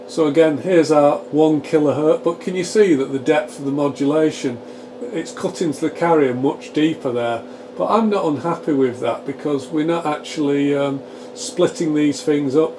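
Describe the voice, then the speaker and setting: This radio repair channel presenter speaks at normal speed in a voice on the high side, giving a casual live demonstration while he works. He reasons aloud and walks through each step, with test-equipment fans humming steadily in his small electronics workshop.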